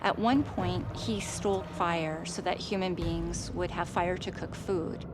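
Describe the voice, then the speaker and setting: A woman's voice: lowish voice, steady tone, measured pace. A woman giving an expert explanation in a documentary interview. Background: music.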